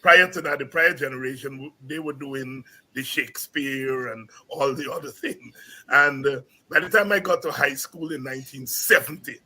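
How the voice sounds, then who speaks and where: A Guyanese man in his sixties, a university lecturer, reflects as an interview guest in a Guyanese accent. His mid-range voice is slightly rough and moves at normal speed, and as an animated storyteller he often repeats words when starting a thought.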